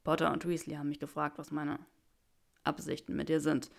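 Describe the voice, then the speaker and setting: A woman's voice: low-pitched, completely flat delivery, vocal fry, voice pushed down. A woman reading a fan story aloud, voicing a nervous young wizard who stammers and halts as he speaks. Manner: halting, stammering.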